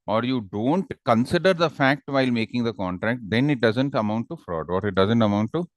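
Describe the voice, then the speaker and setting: A man's voice: mid-range voice, animated, a little fast, dry recording, studio quality. A man with a South Indian accent teaching an online class conversationally, with examples and frequent questioning tags, on a headset microphone. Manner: informal, often ends phrases with questioning tags.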